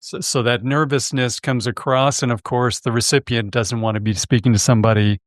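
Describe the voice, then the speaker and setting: A man's voice: mid-range voice, fairly even intonation, a little fast, no echo, clean studio sound. A man hosting a sales podcast, interviewing a guest in a conversational, engaged way. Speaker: podcast host.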